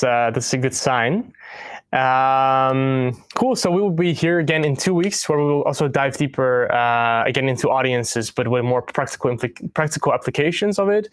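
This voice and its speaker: A man's voice: medium pitch, no echo. A young man hosting a livestream, presenting product updates with frequent ums, uhs and restarts. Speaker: host of a partner news livestream.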